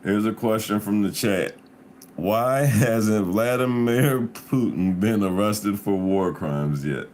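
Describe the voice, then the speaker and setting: A man's voice: on the low side, takes it slowly, a little mellow, a little hiss or hum. A man hosting a casual chat show, asking curious, laid-back questions in short bursts. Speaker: show host.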